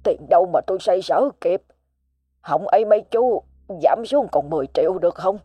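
A woman's voice: fairly low pitch, expressive, brisk, dark tone, husky, dry recording. Woman doing a stammering, pleading poor old father.

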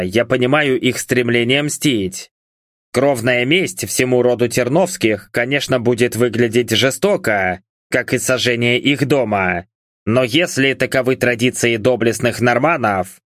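A hoarse, drunken nobleman who speaks slowly and menacingly, voiced by a man. His lines sound cold and commanding. The audiobook sound is dry and close to the mic. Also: mid-range voice, a bit bright, dry recording, close to an everyday voice. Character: hoarse drunken angry middle-aged male baron.

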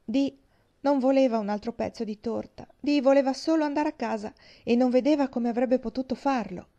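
A woman narrating a novel in a steady, unhurried reading. Her voice is mellow and soft-edged, and the recording sounds dull and lo-fi. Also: high voice. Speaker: audiobook reader. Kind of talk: audiobook narration.

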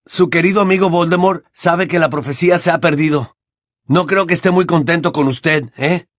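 A man voicing a defiant teenage boy wizard in an audiobook, shouting and taunting. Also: a little high, a little slow, no room sound, clean studio sound, pitched above the performer's own voice, lightly acted. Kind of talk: audiobook character voice.

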